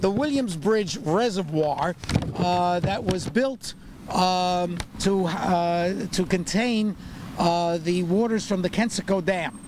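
A man's voice: high-pitched, slow pace. Older New man guiding a street tour. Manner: rambling, many "uh" fillers, wry puns. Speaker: tour guide and borough historian. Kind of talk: outdoor walking tour talk. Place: city sidewalk outdoors in winter. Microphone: handheld microphone. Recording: street noise, far camera mic.

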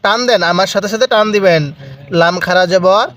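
High-voiced man teaching Quran reading. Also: a bit bright. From Bangladesh. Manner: spells out letters and drawn-out vowels slowly, has learners repeat. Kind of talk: step-by-step recitation lesson.

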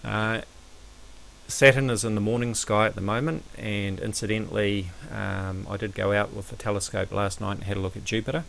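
A man giving a measured, somewhat hesitant step-by-step explanatory commentary over a screen recording, as an amateur astronomy presenter. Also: fairly low pitch, level tone, creaky, a bit bright, slight background noise, rough recording.

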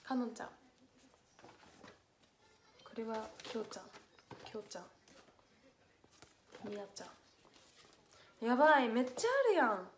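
Young woman w/ chatting on a stream, kinda high voice, echoey room, faint hiss. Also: animated, normal speed, pauses often. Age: young adult. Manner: chatty, reads letters aloud, emotional and near tears. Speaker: livestream idol host. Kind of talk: casual solo livestream chat.

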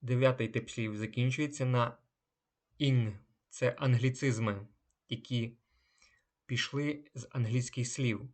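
A man's voice: mid-range voice, steady tone. A man teaching a language lesson, drawing out each German example word before giving its meaning. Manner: slow, drawn-out German example words. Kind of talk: unhurried lesson.

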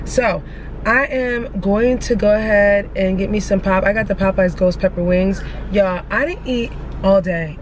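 A young woman vlogger talking casually and candidly to her camera from inside a car, swearing now and then. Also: mid-range voice. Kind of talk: casual vlog chat. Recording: noisy car and street background.

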